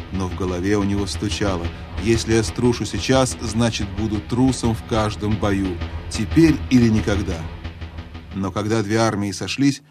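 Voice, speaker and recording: A man reading a children's fantasy audiobook aloud in a measured storytelling voice that drops low and hushed in tense moments. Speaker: audiobook narrator. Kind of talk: scripted storybook narration.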